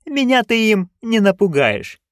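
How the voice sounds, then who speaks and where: A man voicing a haughty, scornful duchess in an audiobook, high, sharp and commanding. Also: huge pitch swings, a little slow, no echo, clean studio sound, exaggerated voice. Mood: defiant. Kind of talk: audiobook reading.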